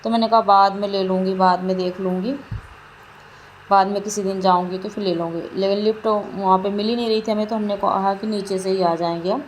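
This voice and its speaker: A middle-aged woman talks her way through a casual vlog in an even, level tone that barely rises or falls. She rambles and circles back over her own words, with faint noise behind her. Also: medium pitch, fairly quick, poor audio. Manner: rambling, repeats herself while narrating a shopping trip. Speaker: vlogger.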